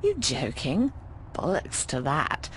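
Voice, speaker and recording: In conversational video game voice acting, a breezy, bawdy adventure-game landlady teases everyone affectionately and calls them darling. Her slightly low, exaggerated voice swings freely in pitch at a slow pace, chatty and wry in mood. The recording is low quality, with faint background noise underneath.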